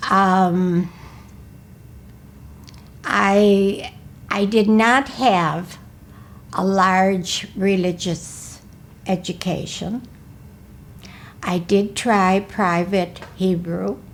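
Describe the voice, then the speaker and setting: A woman in her eighties from Wisconsin, recalling her life in a slow, careful, measured way during an interview. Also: on the low side, creaky, slight background noise. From Milwaukee, Wisconsin. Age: 80s. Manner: slow, careful, measured recollection, often asking to repeat. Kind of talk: recorded life-story interview.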